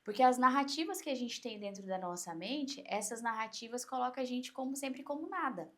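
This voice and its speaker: A woman coach with a Brazilian Portuguese accent, explaining in an animated way on an interview podcast and acting out inner voices. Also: a little high, brisk.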